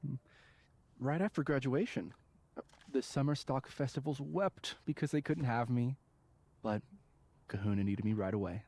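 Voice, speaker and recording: A man's voice: medium pitch, moderate pace, pauses often, darkish tone, lightly acted. An actor playing a flirty, theatrical male university office assistant in a video game, teasing and sarcastic.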